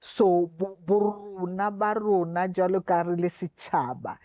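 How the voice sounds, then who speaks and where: A woman's voice: on the low side, steady tone, unhurried, dark tone, no room sound, studio quality. A woman with a South African Sotho accent, explaining things as an official guest in an interview and switching between languages. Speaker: interview guest, equality commission chairperson.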